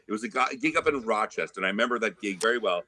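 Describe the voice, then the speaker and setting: A male guest musician spinning quick, lively anecdotes in a casual interview. His pitch swings widely as he acts out other people, and his tone is bright and forceful. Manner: animated storyteller acting out quoted voices.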